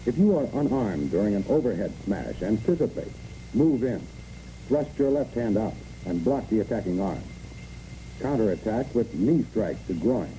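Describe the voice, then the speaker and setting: A man with a fairly low, dark voice narrates scripted training-film instructions at a moderate pace, very animated despite the clipped, imperative phrasing. It's a muffled old film recording with a faint hiss or hum.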